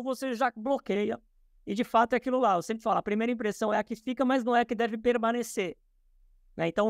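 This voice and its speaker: Gravelly Brazilian man explaining at length. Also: sits high, dry recording, clean studio sound. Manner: thoughtful, many fillers and restarts. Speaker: podcast guest. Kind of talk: explanatory interview talk. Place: his office. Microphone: video call.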